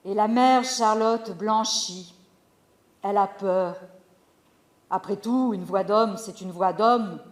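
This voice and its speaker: A woman giving an expressive, dramatic literary reading aloud. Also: medium pitch. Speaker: reader. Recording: roomy echo.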